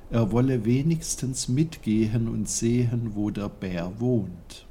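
Male narrator, storybook, slow, expressive, lowish voice. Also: creaky, slight background noise.

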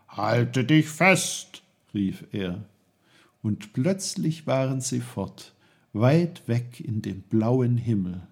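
A man reading a children's story aloud as narrator, slow and gentle. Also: mid-range voice, vocal fry, husky.

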